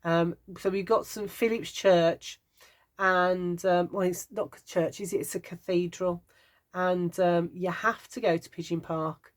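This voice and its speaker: A Brummie woman in her fifties talks in a chatty, meandering way with dry little jokes. Her voice sits a touch low for a woman. She sounds relaxed and conversational, like she is telling a friend about her home city. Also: unhurried. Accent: Birmingham (Brummie). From Birmingham, England. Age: 50s. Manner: chatty, meandering, wry humour. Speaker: craft vlogger. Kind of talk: casual chat.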